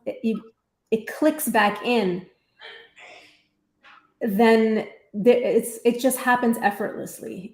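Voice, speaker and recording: A woman's voice: medium pitch, a little mellow. A woman teacher co-hosting a live online discussion, explaining ideas in an earnest, conversational way. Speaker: teacher and co-host of a live faith-based discussion. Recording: echoey room on live stream.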